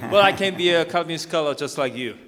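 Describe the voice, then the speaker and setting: A man's voice: fairly high pitch, fast talker, a bit bright. A man with a Korean accent asking questions from the floor of a large hall, in hesitant, repetitive phrases. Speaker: audience member asking questions. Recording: echoey hall with long reverb.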